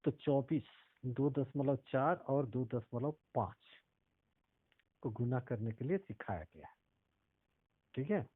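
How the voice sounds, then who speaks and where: A man's voice: medium pitch, animated, slow pace, long pauses, slightly rough, no echo. A male math teacher explaining decimal multiplication step by step, often stopping to ask if students understood. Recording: tinny phone-like audio.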